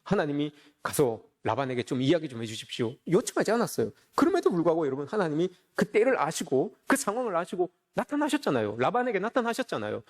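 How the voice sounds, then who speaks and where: A male pastor delivers a sermon in a high, lively voice that swings up and down, and he keeps up a quick pace. He is earnest and emphatic and often turns to call out to his listeners.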